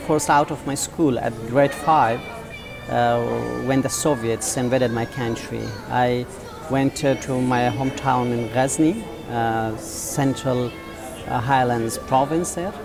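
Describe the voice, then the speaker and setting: Over background music, a forties-aged school founder and teacher with an Afghan accent replies to interview questions in a mid-range, steady voice. His answers are earnest and halting, padded with long fillers.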